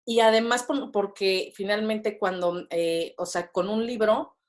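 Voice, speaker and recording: A Mexican woman in her thirties, speaking with a Mexican Spanish accent, is a guest on a podcast in a casual interview conversation. Her mid-range voice stays fairly even in intonation and moves at an unhurried pace, and she uses plenty of fillers and tag questions.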